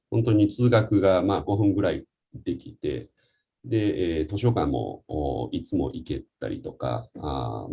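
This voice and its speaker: A man's voice: deep voice, gravelly, warm tone, breathy edge, dull audio. A man on a webinar panel answering questions about student life, with many hesitant fillers.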